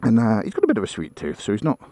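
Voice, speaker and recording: A man's voice: on the low side, wildly swooping pitch, racing, warm tone, a little hiss or hum, rough recording. A man chatting casually while riding a motorbike, talking into a helmet mic in a waffly, self-deprecating way. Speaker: motorcycle vlogger. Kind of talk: casual rambling chat.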